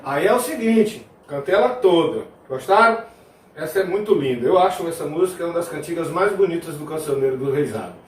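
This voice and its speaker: A man's voice: a little high, expressive, fairly quick. A man teaching a video lesson on folk music, singing verses and then explaining them in a loose, chatty way. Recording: roomy, mic at a distance. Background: tambourine playing.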